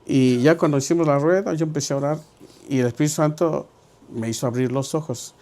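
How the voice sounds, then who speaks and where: Pastor, middle-aged, slightly high-pitched man, conversational preaching with acted-out dialogue. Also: a little fast, a little mellow. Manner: conversational, acts out dialogue in his stories. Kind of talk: Bible study sermon with storytelling.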